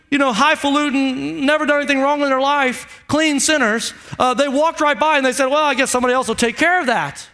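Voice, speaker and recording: A male preacher with a very high-pitched voice and a bright, forceful edge. He delivers a booming motivational sermon, hammering short repeated phrases and firing rhetorical questions at his listeners.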